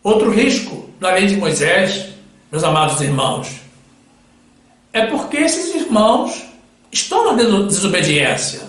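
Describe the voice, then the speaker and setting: A man's voice: high-pitched, big pitch swings, a little slow, fairly bright tone. A male preacher delivering a solemn sermon with Bible readings, addressing his listeners as brothers. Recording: very echoey room.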